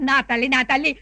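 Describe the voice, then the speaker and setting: A woman's voice: high voice, full character voice. A woman playing a doting old grandmother in a film, giving singsong blessings. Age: older. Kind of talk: film comedy dialogue.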